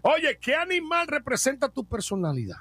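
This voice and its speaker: Lively radio host man. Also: extremely high pitch, normal speed, no echo, soft background music. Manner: playful, reads phone numbers. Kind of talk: lively radio call-in banter.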